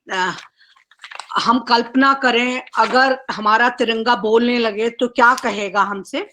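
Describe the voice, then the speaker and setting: A woman's voice: a little high, sharp tone. A woman guest poet reciting her verse in a chanted, sing-song way, repeating each line, over a video call. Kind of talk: poetry recitation.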